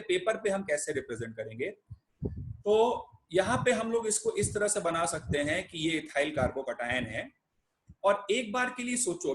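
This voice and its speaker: A young man with a high, fairly bright voice explains a chemistry lecture conversationally, often checking that students are following. The audio quality is poor.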